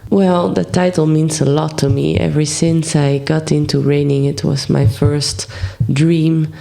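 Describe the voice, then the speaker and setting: Relaxed gravelly woman in her thirties. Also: sits low, unhurried. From Belgium. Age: 30s. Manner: relaxed, many fillers, laughs often. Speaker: horse trainer, guest. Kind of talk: casual interview.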